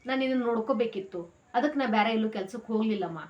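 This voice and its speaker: A woman's voice: a little high, rapid-fire, lo-fi sound, close to an everyday voice. A woman voicing a devoted, determined young fisherman son who speaks earnestly.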